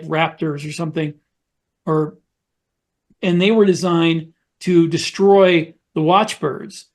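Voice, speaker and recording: A man with a distinctly high voice co-hosts a podcast, chatting through explanations and anecdotes as if telling stories to friends during a relaxed panel discussion.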